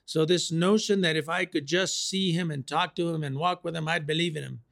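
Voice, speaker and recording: A man preaching a sermon, slow and deliberate, repeating key phrases for emphasis. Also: on the high side, fairly even intonation, creaky, fairly bright tone.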